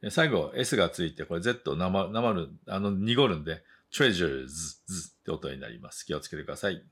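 Male English teacher, low and slightly husky, drawn-out model words, quick friendly asides. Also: lively intonation. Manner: repeats each word twice for learners. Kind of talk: vocabulary pronunciation lesson.

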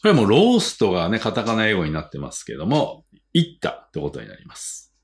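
A man with a Japanese accent teaching an English vocabulary lesson. He reads each word twice, then explains it slowly. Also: fairly low pitch, wildly swooping pitch, gravelly.

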